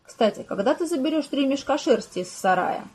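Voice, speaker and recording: A woman reading an audiobook, voicing a cheerful, eccentric elderly mother who talks in a chirpy, brisk way. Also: high voice, lively intonation, darkish tone, voice pushed up. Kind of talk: audiobook character voice.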